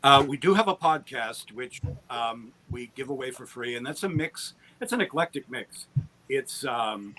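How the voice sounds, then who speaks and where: With a bright, forceful, medium-pitched voice and lively intonation at normal speed, a middle-aged audio drama producer chats as an online interview guest. His stories are enthusiastic, rambling and self-effacing, heard through poor audio with a little hiss or hum.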